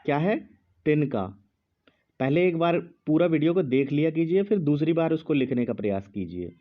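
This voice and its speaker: Guy giving a slow spelling dictation, repeats every word, kinda dull audio. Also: fairly high pitch, expressive. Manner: speaks slowly with pauses, repeats each word. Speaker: Hindi teacher.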